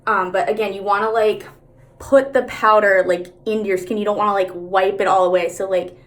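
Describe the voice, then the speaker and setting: A woman's voice: mid-range voice, steady tone, a little fast, a bit bright. A woman chatting casually through a makeup tutorial, candid, slangy and sweary, talking out of the side of her mouth.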